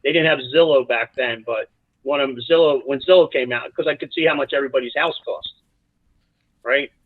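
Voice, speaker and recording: A man's voice: medium pitch, fairly quick, no room sound. Man telling stories over a tinny line. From South Jersey, USA. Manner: animated, rambling anecdotes with many restarts. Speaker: college soccer coach, guest. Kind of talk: casual storytelling interview. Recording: dry, tinny phone-like line.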